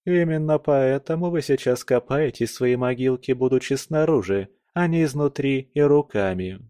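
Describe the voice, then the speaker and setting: A man's voice: medium pitch, normal speed, dark tone, clear, resonant tone, no room sound, studio quality, lightly acted. A man voicing a stern, sarcastic mother who scolds her children with mock sweetness. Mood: sweetly menacing.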